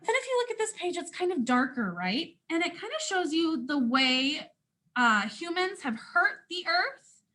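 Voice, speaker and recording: With a very high voice, big swings in pitch and an unhurried pace, a North American woman reads a picture book aloud as a first grade teacher. She sounds pushed and bright, performing the story expressively and explaining along the way for young children.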